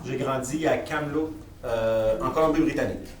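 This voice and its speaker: Male live interpreter, Québécois accent, mid-pitched, informal and self-correcting, recorded far off in a roomy space. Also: normal speed. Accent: Québécois French. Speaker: chaplain interpreting for a speaker. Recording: distant mic in echoey room, faint noise.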